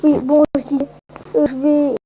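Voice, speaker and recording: A woman's voice: sits high, little pitch movement, unhurried, mellow, a little hiss or hum, rough recording. A woman giving casual, rambling let's-play commentary with lots of hesitant fillers. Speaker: gameplay commentator.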